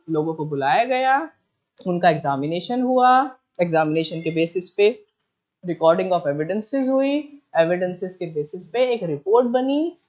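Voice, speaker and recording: A woman's voice: lowish voice, darkish tone. A woman lecturing on law for exam students, explaining each step, asking questions and answering them herself, often checking in with her class. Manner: keeps checking in with "theek hai". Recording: slightly dull, muffled recording.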